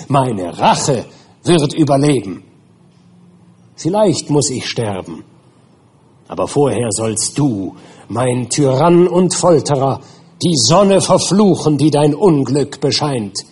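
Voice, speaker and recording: Vengeful male creature, slow husky menace, read by a man. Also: on the high side, pitched above the performer's own voice, heavily acted. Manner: hushed, dragging threats swelling to outbursts.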